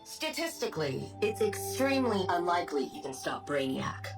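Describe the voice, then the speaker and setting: Low-voiced, coldly logical woman scientist. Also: big pitch swings, far from the mic, music in the background. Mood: cold, curt. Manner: measured, formal, clipped. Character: coldly logical woman scientist devoted to her frozen wife. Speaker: lead character in a video game cutscene. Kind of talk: dramatic game cutscene narration and dialogue.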